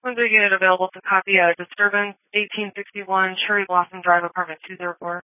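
A male dispatcher reads out calls over a police radio in a rapid, routine delivery. His voice is high and flat. It comes through thin and phone-like, with no room around it. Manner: rapid, even, routine call-out. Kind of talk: dispatch call-out. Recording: tinny, dry radio transmission.

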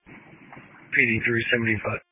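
A man's voice: medium pitch, monotone, unhurried, husky, dry recording. A man speaking as a police officer over a police radio, calling in terse codes in a clipped, matter-of-fact way. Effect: police radio transmission. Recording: tinny, dry radio channel.

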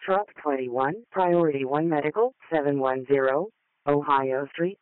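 A male emergency dispatcher on a radio channel, calling out a medical call in a steady, clipped way and repeating it word for word. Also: a little high, moderate pace, smooth, dry recording. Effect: crackly police and fire radio transmission. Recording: tinny radio band, dry.

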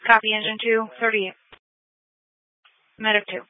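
A woman's voice: on the high side, flat delivery, measured pace. A woman working as an emergency dispatcher, giving clipped, routine acknowledgements over a police radio channel. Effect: police radio transmission. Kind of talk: terse radio dispatch calls. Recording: tinny scanner radio audio.

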